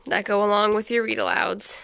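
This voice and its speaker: A homeschool channel host in her thirties, stuffy from a head cold, casually reviews a stack of books in a small home schoolroom, chatty and full of ums and restarts. Her bright, crisp, medium-pitched voice has a slight gravelly fry, little pitch movement, and a slightly fast pace. The close camera mic yields a dry, near sound.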